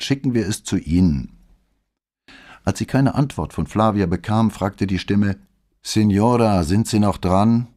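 A man reading an audiobook in steady, measured scripted narration. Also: low voice.

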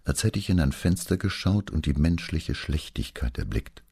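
A man voicing a frank, sharp-tongued middle-aged wife in an audiobook, talking bluntly and earnestly. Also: rumbling low, animated, normal speed, gravelly, husky, no echo, studio quality, heavily acted.

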